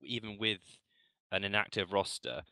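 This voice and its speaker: A man reporting as a clan's roster officer in a casual voice-chat meeting, speaking haltingly with frequent restarts, over a headset mic. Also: lowish voice, bright, forceful tone, no echo, poor audio.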